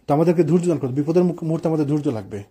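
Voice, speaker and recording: A man's voice: fairly high pitch, lively intonation, rapid-fire, warm tone, breathy edge. A man preaching a conversational sermon in a mosque, mixing quoted prayers with casual asides. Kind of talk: sermon on the life of the Prophet.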